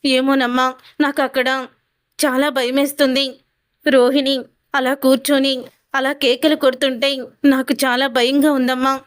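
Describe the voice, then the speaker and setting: A woman's voice: high voice, flat delivery, a little slow, long pauses, smooth. A woman reading the lines of a frightened, timid young husband in a retold family drama, in a pleading, fearful way. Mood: scared.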